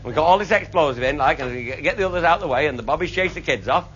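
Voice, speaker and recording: Brief: earthy raconteur, high and animated, muffled hissy live tape. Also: male voice, quick pace. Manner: broad, earthy, swears freely, voices the people in his tales. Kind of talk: comic storytelling to a live audience. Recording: muffled old live recording with audience laughter.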